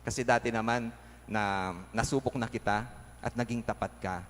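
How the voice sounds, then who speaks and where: A priest voicing God as a gentle, fatherly male deity, speaking softly. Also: fairly low pitch, steady tone, normal speed, in a large hall, slight background noise, lightly acted. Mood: sorrowful.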